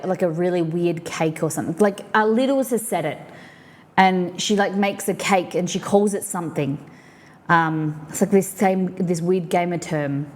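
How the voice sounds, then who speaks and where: An Australian woman streaming live, chatting casually and explaining slang with lots of fillers and restarts. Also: fairly low pitch. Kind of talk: casual chat.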